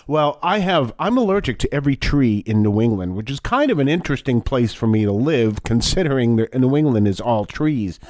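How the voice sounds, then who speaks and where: A man's voice: mid-range voice, a little fast, hardly any pauses. A middle-aged or older man from Massachusetts with a wheezy voice, wheezing from allergies as he hosts a casual, rambling religious talk. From Massachusetts, United States. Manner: rambling, animated storytelling with acted-out quotes. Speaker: religious talk show host. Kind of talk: casual, conversational faith talk.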